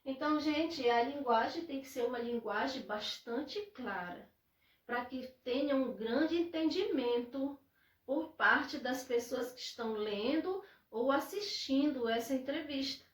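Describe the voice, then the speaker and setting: A woman's voice: high-pitched, measured pace, distant mic. A Brazilian woman teacher explaining a lesson to her students, repeating her points and often checking in with "né?". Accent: Brazilian Portuguese. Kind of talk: classroom lesson. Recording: echoey room, voice off-mic.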